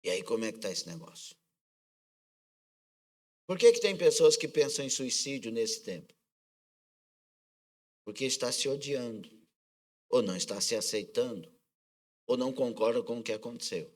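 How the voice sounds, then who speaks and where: A man's voice: mid-range voice, lively intonation, moderate pace, pauses often. A man with a Brazilian accent preaching a sermon as pastor, often asking the congregation questions and calling for their responses. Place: church service.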